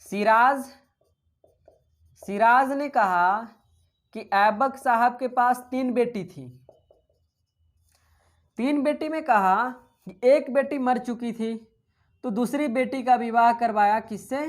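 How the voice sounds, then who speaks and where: A woman with a fairly high voice teaches a history class for exam prep. She dictates points for students to write down and answers her own quiz questions. Her talk is chatty and loose, with English words mixed in. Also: takes it slowly, long pauses. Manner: chatty, mixes in English terms.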